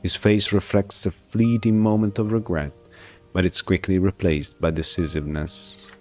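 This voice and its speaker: A man's voice: low voice, little pitch movement, normal speed, faint music behind. A man streaming, reading a narrative game aloud with his own commentary and musing over how words are pronounced. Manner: muses aloud over word pronunciation.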